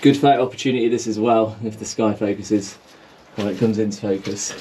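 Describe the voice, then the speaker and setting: A young man vlogs casually on an open hillside, holding an action camera at arm's length as a hiking guide giving directions and cracking a few jokes. His voice is lowish, steady, warm and fairly quick, with a little hiss or hum.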